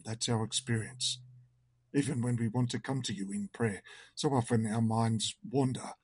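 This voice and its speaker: A man at medium pitch, his voice hoarse and croaky, conducts an online worship service. He reads a hymn and offers a prayer with slow, earnest reverence, with no room sound audible.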